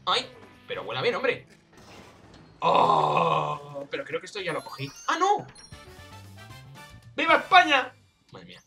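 Man, Spain Spanish accent, let's play commentary, excitable and jokey, lively pitch, faint music behind. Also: fast talker. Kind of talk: casual gameplay commentary.

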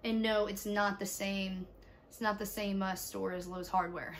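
A young woman with a raspy, stuffy voice from allergies, chatting casually to viewers in a home vlog, tired. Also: medium pitch, fairly even intonation, a little slow, slight background noise. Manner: chatty, talks to viewers while ordering online. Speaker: vlogger, mother. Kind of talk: casual day-in-the-life vlog. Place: home, indoors.

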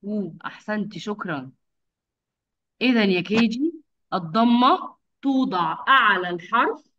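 A woman teaching young children over a video call, with patient, drawn-out enunciation and frequent praise. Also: mid-range voice, animated, slight background noise. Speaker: kindergarten teacher. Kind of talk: online phonics lesson for young children. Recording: dull lo-fi video call audio.

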